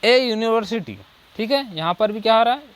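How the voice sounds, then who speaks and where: High-voiced grammar teacher. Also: male voice, animated, a bit bright, clear, resonant tone. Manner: drills with repeated rhetorical questions and "ठीक है"; reads English example sentences slowly. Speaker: coaching teacher. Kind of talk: Hindi grammar lesson on English articles.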